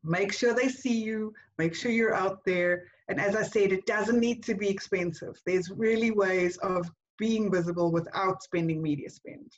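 A woman's voice: medium pitch, normal speed, hardly any pauses, lo-fi sound. A woman with a South African accent giving an upbeat, encouraging business talk to a networking group, addressing them as "guys". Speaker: networking speaker.

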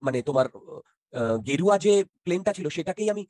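A man's voice: high-pitched, lively intonation, fast talker, a little mellow, dry recording. A man teaching physics in an interactive online class, often checking whether students follow and mixing in English terms.

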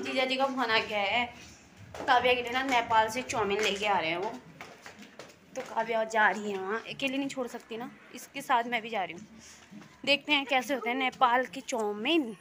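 Woman vlogging on her phone, kinda high voice, chatty, traffic noise behind. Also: sharp tone. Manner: chatty, complaining, addresses viewers as friends. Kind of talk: casual vlog to camera. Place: outdoors in a market and streets. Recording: noisy street background.

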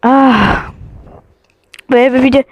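A woman's voice: high-pitched, fairly even intonation, measured pace, no room sound, muffled recording. A young woman vlogging at home with her phone while she plays a ghost-hunting app, jumpy and nervous, saying again and again that she is scared. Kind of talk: casual vlog, playing a ghost-hunting app. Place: at home, in a house.

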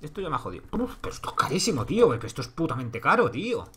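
Lively swearing Spanish gamer man. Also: on the high side, quick pace, husky. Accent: Spain. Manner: talks to himself and chat, swears freely. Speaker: livestreaming gamer. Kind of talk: casual live gameplay commentary. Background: keyboard typing and clicks.

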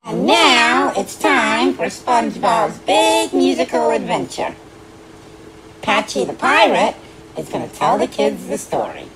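A woman reading a children's story aloud in a slow, halting way. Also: a little high, sing-song, crowd noise, poor audio.

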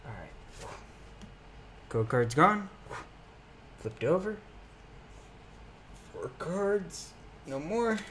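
A man's voice: on the high side, sing-song, drawn-out words, pauses often, a bit bright, a little hiss or hum. A young man streaming live, reading card names aloud as he opens packs and chatting casually with his viewers.

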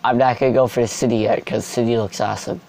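A young man giving casual, sarcastic commentary over his gameplay, with sudden excited outbursts. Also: mid-range voice, fast, vocal fry, soft background music. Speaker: gaming video host.

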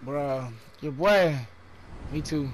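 A young man streaming a game, chatting casually with excitable, slangy talk and quick repeated callouts. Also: on the high side, a little hiss or hum. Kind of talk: casual gaming chat.

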